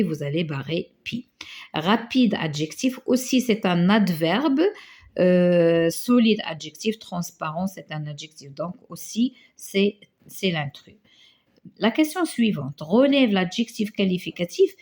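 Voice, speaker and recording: A woman teaching a grammar lesson to schoolchildren, reading out examples slowly and hesitating often. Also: on the low side, darkish tone. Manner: slow, stretches example phrases, frequent hesitations. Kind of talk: grammar lesson correcting exercises.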